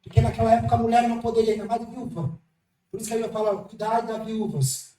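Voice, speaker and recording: A male pastor delivers an impassioned sermon, swinging from sudden shouts to hushed asides. His voice sits very high and carries a roomy echo. He stands back from the mic, with faint music playing behind him. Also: fairly even intonation, fast, noisy background. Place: church hall. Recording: echoey church hall, mic at a distance, faint music.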